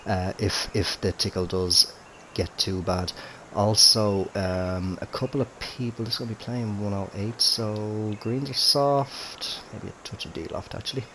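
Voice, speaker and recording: A gaming commentator talks casually into a headset from a home room with a TV and console, his low-ish, fairly bright voice slightly throaty from a cold. He's chatty and easygoing, using lots of fillers, and there's a little hiss or hum in the audio.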